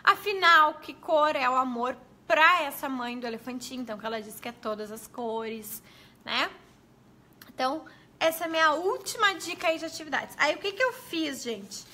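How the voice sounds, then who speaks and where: Woman educator, high and bright, chatty explainer talking straight to teachers. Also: animated, moderate pace. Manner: chatty, explanatory, addresses viewers as gente. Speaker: pedagogue.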